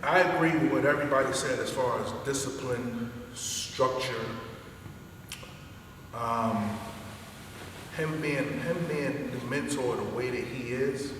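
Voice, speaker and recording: A man, a former police officer and karate student, telling a lively story and acting out the voices of the people in it. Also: mid-range voice. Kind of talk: animated storytelling. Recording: echoey hall, distant mic, noisy.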